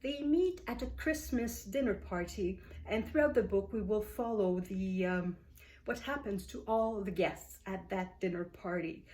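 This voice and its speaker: A woman's voice: medium pitch, unhurried, a little mellow. Female book vlogger, casual review talk, explanatory, lots of fillers. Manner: thoughtful, explanatory, frequent uh and um fillers.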